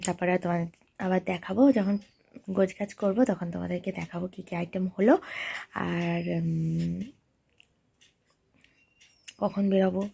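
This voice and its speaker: A woman's voice: lowish voice, vocal fry, mellow, breathy edge. Chatty woman vlogging at home. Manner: chatty, addresses viewers directly, many fillers. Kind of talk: casual vlog narration to viewers. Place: home, indoors. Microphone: phone camera held by the speaker.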